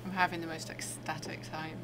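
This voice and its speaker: A woman's voice: low voice, flat delivery, fairly quick, fairly bright tone, a little hiss or hum, rough recording. A woman from the UK, a cafe guest, talking with gushing enthusiasm. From United Kingdom. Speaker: visiting guest. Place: small cafe indoors.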